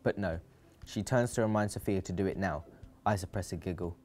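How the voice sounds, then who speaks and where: A man's voice: low-pitched, brisk, darkish tone. A man reading a first-person story aloud in a dry, teasing storytelling manner. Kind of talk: first-person audiobook narration.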